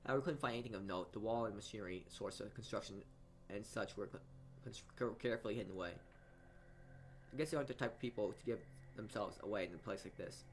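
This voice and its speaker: A fairly low-pitched man reads a visual novel aloud for a let's-play, with slight background noise in the recording. His reading halts and stumbles frequently, and he throws in asides along the way.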